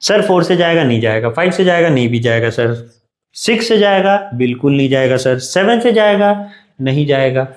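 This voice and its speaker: A man's voice: mid-range voice, expressive, fairly quick. Man teaching math in an echoey room. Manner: voices students' questions himself, then answers them; playful teasing of pupils. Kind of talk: coaching class lesson.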